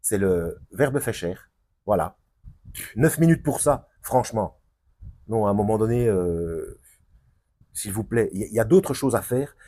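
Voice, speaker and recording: A man's voice: lowish voice, animated, a little slow, long pauses, warm tone. A man giving an unscripted Bible teaching for his video channel, hesitant with many fillers and restarts, rising into emphatic points.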